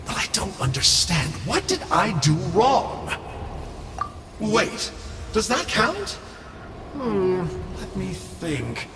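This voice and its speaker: An actor playing a smug, scheming male scholar who turns villain, with a theatrical, teasing, slow drawl. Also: high-pitched, huge pitch swings, creaky, a bit bright, in a large hall, recorded from a distance, a little hiss or hum, heavily acted. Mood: sly.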